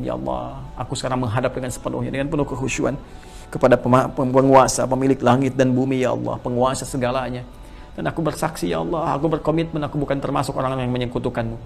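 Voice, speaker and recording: A male preacher talks quickly in a gravelly voice. His teaching rises loud and emphatic, then sinks into hushed, prayerful recitation. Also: medium pitch. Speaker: Islamic preacher. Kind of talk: sermon answering a question.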